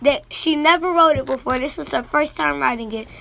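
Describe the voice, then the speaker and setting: A woman's voice: sits high, fairly quick, gravelly, bright, forceful tone, a little hiss or hum, poor audio. A young woman from Miami hosting a casual talk show, telling stories in a rambling way. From Miami, Florida. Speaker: host.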